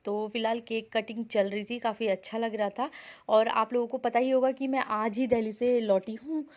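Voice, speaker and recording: A woman's voice: on the high side, flat delivery, normal speed, darkish tone. A young woman from India narrating her family vlog in a chatty, rambling way, mixing in English words. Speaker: vlogger.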